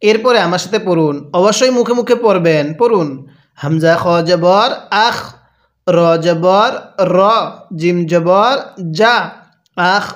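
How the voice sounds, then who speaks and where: A man with a Bangladeshi Bengali accent teaching Quran reading. He spells out each syllable slowly and asks the listener to repeat after him. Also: sits high. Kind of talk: slow syllable-by-syllable recitation lesson.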